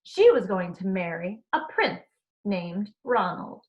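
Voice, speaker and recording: A woman teacher reading a storybook aloud expressively, addressing young listeners in an animated way. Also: mid-range voice, takes it slowly, highs cut off.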